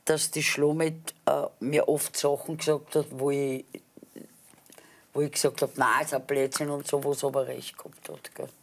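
A woman's voice: rumbling low, level tone, moderate pace. A woman, talking bluntly and unhurriedly as a guest on a TV talk show. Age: 70s. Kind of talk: casual talk show chat. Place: TV studio set.

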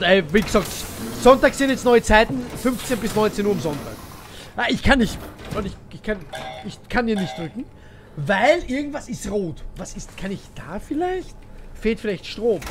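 Male streamer, high and bouncy voice, faint hiss behind him; restless, mutters, then bursts out loud. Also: big pitch swings, normal speed. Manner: chatty, talks to chat and himself, swings from mumbling to loud outbursts. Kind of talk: live gameplay commentary.

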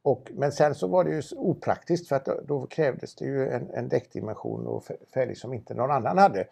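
A man's voice: medium pitch, creaky, warm tone, breathy edge. A man presenting a car for auction in a casual, knowledgeable chat, with frequent restarts. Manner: knowledgeable, chatty, many restarts.

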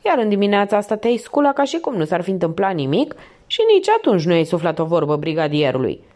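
A woman reading the lines of a calm, detached middle-aged male police inspector in a quiet, measured voice. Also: on the low side. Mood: stern.

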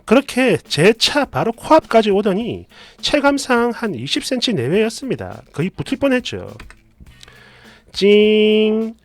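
Lively, chatty story narrator. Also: mid-range voice, normal speed. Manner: lively, chatty, adds asides and comments. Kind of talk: casual narration of a reader's story.

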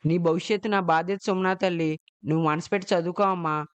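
Storybook dad, tender and reassuring, voice pitched down low and smooth, slightly dull, distant sound, put on by a woman narrator. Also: fairly even intonation, fast talker, natural voice. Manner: soft, reassuring, fatherly. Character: gentle caring father, middle-aged man.

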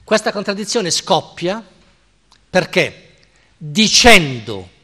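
A male professor lectures in an unhurried, deliberate way, stressing his key words. His pitch sits fairly high and moves a great deal, and a long reverb from the hall follows each phrase. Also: bright, forceful tone. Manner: slow, deliberate, emphatic, checks in with listeners. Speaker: philosophy professor. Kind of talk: university-style lecture. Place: lecture hall at a cultural center.

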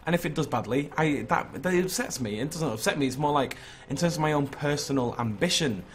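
A young man, hungover with a slightly hoarse voice, chatting in an informal, rambling, self-critical way as he vlogs over a video game. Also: fairly high pitch, lively intonation, fairly quick. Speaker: gaming video creator. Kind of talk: casual vlog chat over gameplay. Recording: clearly noisy background ambience.

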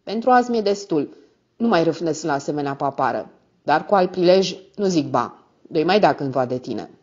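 Lady doing a grumpy street thug guy, rough and sulky, lo-fi audio. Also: low-pitched, expressive, a little mellow. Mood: sullen. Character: gruff brawling male street bandit.

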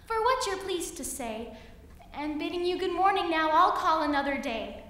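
Girl doing a high, prim little fly. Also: animated, normal speed, full character voice. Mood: protesting. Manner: high, bright and protesting. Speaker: student reciting a poem. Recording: echoey hall from far off.

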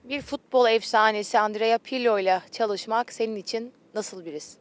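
A woman's voice: fairly high pitch, fairly even intonation, normal speed. A woman asking questions as a sports interviewer, speaking outdoors into a handheld microphone. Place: outdoors on a training pitch.

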